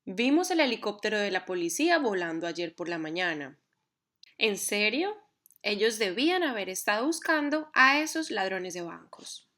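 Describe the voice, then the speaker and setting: A woman teaching a grammar lesson, explaining carefully and reading example sentences slowly. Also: medium pitch, big pitch swings, pushed and bright. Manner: measured, reads English examples slowly and carefully. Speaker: English teacher.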